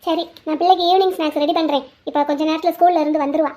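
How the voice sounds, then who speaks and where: A woman's voice: high voice, fairly even intonation, rapid-fire, warm tone, lightly acted. A woman voicing a strict, gossipy middle-aged mother in a cartoon. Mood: complaining. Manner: complaining, gossipy.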